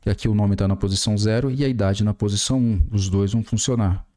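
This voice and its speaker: This programming tutor, a Brazilian man in his forties, explains a coding tutorial one step at a time while typing, in a screen-recorded session full of fillers. He speaks quickly with a fairly low, steady, mellow voice and a Brazilian Portuguese accent.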